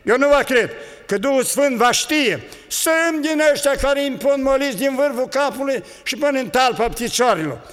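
A man's voice: extremely high pitch, expressive, few pauses, fairly bright tone, big-room sound. An older man preaching an earnest sermon to a congregation, exhorting them and recounting visions.

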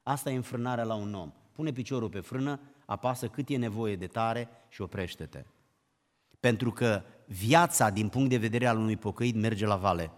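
A man preaches a sermon with great emphasis, his voice rising to loud exclamations before sinking low again. A long hall reverb trails every line.

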